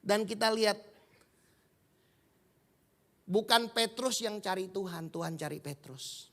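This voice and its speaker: A man's voice: sits high, slow pace, a bit bright. A man preaching a sermon, telling the story vividly and acting out the dialogue.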